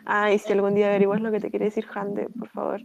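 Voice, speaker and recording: A woman's voice: mid-range voice, completely flat delivery, fast talker, gravelly, lo-fi sound. A woman just woken up, saying friendly goodbyes in a casual chat.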